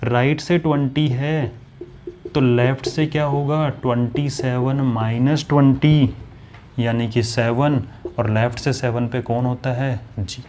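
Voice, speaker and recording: A man's voice: medium pitch, steady tone, unhurried, dark tone, a little hiss or hum. A man teaching an online exam-prep lesson, explaining step by step and often checking whether students follow. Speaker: maths and reasoning teacher.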